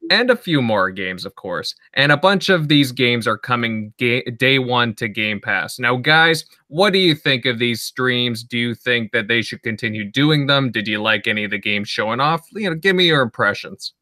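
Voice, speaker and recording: A man with a bright, mid-range voice hosts a podcast in a relaxed, conversational way. He leads the talk and keeps it moving. The sound is dry. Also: mid-range voice, moderate pace, few pauses, no room sound. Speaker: podcast host. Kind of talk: casual podcast chat.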